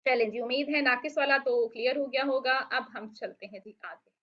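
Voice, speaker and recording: A woman teaching Quran recitation rules, patiently explaining and asking questions she then answers herself, with slow drawn-out recited verses. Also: high-pitched, fairly even intonation. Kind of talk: online tajweed lesson. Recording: dull lo-fi audio.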